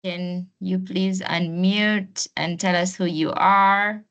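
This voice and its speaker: Over an online video call, a woman hosts and trains an informal webinar, casually inviting participants to take part. Her lowish voice is flat, slow and a bit bright, and the recording sounds muffled.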